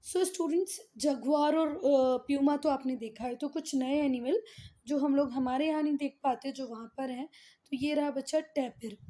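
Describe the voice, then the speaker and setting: A woman's voice: high-pitched, mellow. A woman teacher giving a geography lesson, mixing in English terms, repeating key words and quizzing her pupils affectionately. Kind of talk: classroom geography lesson, Hindi mixed with English.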